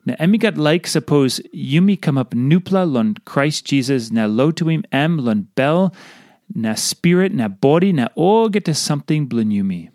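A man's voice: on the high side, animated, normal speed, a little mellow, no room sound, studio quality. A man delivering a devotional talk, reading scripture and explaining it as a speaker to believers.

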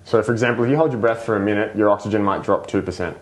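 Low-voiced man explaining breathwork. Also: racing. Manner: explains patiently, many fillers and "right?" checks. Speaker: breathwork coach, podcast guest. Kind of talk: casual explanatory interview talk.

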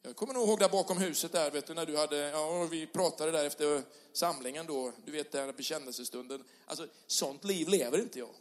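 A middle-aged male pastor preaching a sermon in a church hall, conversational with tag questions, rising to loud passionate peaks. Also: a little high, hardly any pauses. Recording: long hall reverb.

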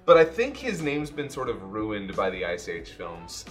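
A man's voice: fairly low pitch, huge pitch swings, moderate pace, faint music behind. A man co-hosting a podcast in casual chat, opinionated and emphatic, often restarting his sentences. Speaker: podcast co-host.

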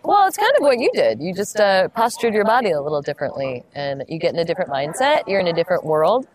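A woman's voice: lowish voice, very animated, fast, poor audio. Upbeat, chatty woman voice actor. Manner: upbeat, chatty, laughs easily. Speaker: voice actress, convention guest. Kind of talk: casual interview chat. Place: gaming convention.

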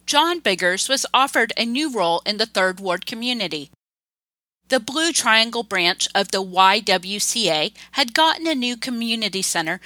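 A woman giving scripted documentary narration in a measured, even manner. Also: fairly high pitch, no room sound, low-quality recording. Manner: measured, reads quotes aloud. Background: music.

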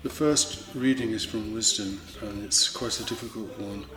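A British deacon who hosts a homily podcast gives an informal, partly scripted, reflective homily, explaining things with conversational asides. His voice is lowish with fairly even intonation at normal speed, with music and faint noise in the background.

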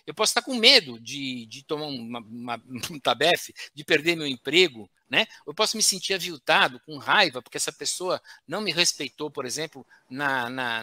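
A man's voice: fairly high pitch, sharp tone, no echo. A man, a guest expert explaining how to handle emotions in a chat show, teaching step by step with frequent tag questions. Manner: didactic, with frequent "né?" tags and restarts.

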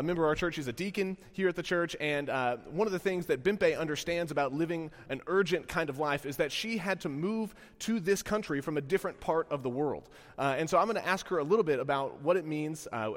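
A man preaching a sermon as the pastor, conversational and full of "uh"s, interviewing a church member. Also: a little high. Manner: conversational, hesitant with many fillers. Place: church sanctuary. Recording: church hall reverb.

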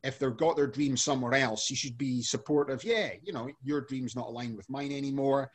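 A man's voice: medium pitch, brisk, breathy edge. A man from Scotland, a guest on a podcast, answering questions in a loose, chatty way with lots of fillers. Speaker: podcast guest, energy company CEO. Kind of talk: casual interview answers.

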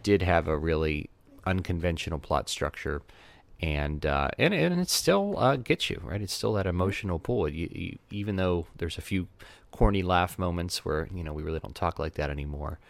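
Deep-voiced man co-hosting a podcast. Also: moderate pace, gravelly, no room sound. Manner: hesitant, repeats words when starting. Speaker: podcast co-host. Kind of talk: casual film discussion. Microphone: headphones and podcast mic.

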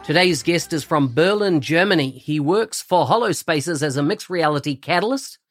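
An eager, upbeat man hosts a podcast with a slightly raised voice. Faint music plays softly behind him as he reads an introduction and asks his guest questions. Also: a little high, expressive, normal speed. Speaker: podcast host. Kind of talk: podcast interview.

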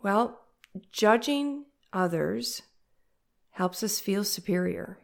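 A woman with a nasal voice at an average pitch hosts a faith-based podcast. She talks in a conversational way, addressing the listener directly. Her manner is that of an encouraging coach. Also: lively intonation, slow, gravelly.

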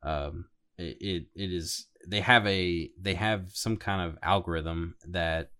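A man's voice: low voice, steady tone, takes it slowly, sharp tone. A man talking casually as a panelist on a podcast about his study plans.

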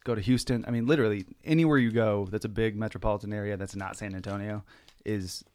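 A man's voice: fairly low pitch, fairly even intonation, a little mellow, clear, resonant tone, no room sound, clean studio sound. A man in his thirties from Texas, hosting a casual chat in a friendly way and often saying "dude.". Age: 30s. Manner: friendly, fast, says dude a lot. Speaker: podcast host.

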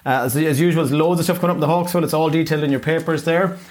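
A middle-aged man with a west of Ireland accent hosts a local radio show, rambling casually through the papers in a chatty, encouraging paper review. His voice is a little high and darkish, with a steady tone, and he talks very fast.

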